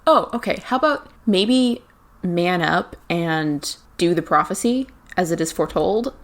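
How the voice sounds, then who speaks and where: Lively woman co-host, casual chat, slightly low voice, bouncy pitch. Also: unhurried. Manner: animated, laughs often. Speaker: podcast co-host.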